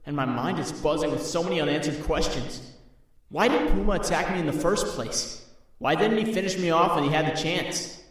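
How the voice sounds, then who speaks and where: A man's voice: a little high, normal speed, fairly bright tone, lightly acted. A man playing a young, wisecracking but harried superhero in a comic dub, with a wry, self-narrating manner. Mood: weary, brooding. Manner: wry, quippy, talks to himself. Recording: very echoey, distant, music behind.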